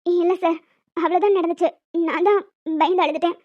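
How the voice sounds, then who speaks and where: A woman's voice: very high voice, steady tone, brisk. A woman voicing a frightened but defiant young woman in a cartoon, scolding and pleading. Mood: timid. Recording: dull lo-fi with music behind.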